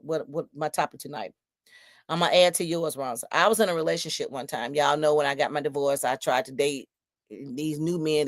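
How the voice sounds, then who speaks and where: A woman in her fifties hosts a solo podcast, reading out viewer comments in an emphatic, preachy, storytelling style. Her voice is low-pitched and a bit bright, captured with clean studio sound and no echo.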